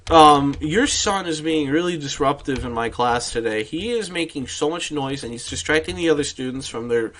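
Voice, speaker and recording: A man putting on the voice of a female high school teacher who scolds and lectures in an indignant, over-the-top way. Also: animated, normal speed, hardly any pauses, a bit bright, a little hiss or hum. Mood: scolding.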